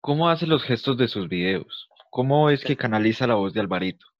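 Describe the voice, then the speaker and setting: A man reading out questions in a brisk, plain way. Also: medium pitch, lively intonation, dry recording. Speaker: question reader. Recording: dry, slightly muffled recording.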